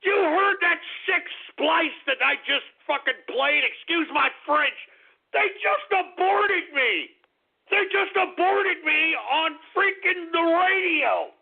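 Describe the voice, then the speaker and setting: Man with a squeaky chipmunk voice. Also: expressive, slow pace, vocal fry. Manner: swearing, exasperated ranting. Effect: pitched-up chipmunk voice. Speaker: radio host. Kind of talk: ranting radio talk. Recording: tinny phone-like radio sound.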